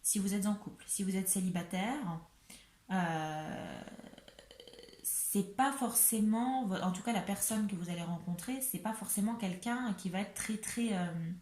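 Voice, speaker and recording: A French woman talks through a tarot reading in a chatty, reassuring way, often pausing on fillers and restarting her sentences. Her voice sits at a middle pitch. The room around her is noticeably echoey. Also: darkish tone, a little hiss or hum. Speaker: tarot card reader. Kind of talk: casual tarot reading to camera.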